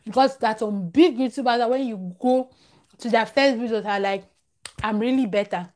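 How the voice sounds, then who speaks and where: This young woman's voice is on the high side and a little mellow, moving at a moderate pace as she hosts a casual live stream. She gives viewers advice, emphatic and repeating phrases for stress, from a small home room close to a plain wall, with a clip-on lavalier at her collar.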